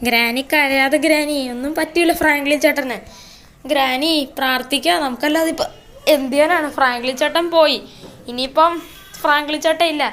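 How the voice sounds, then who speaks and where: A woman's voice: high voice, steady tone, fairly quick, a bit bright. A woman narrating an amateur story video, talking to viewers in an emotional, repetitive way.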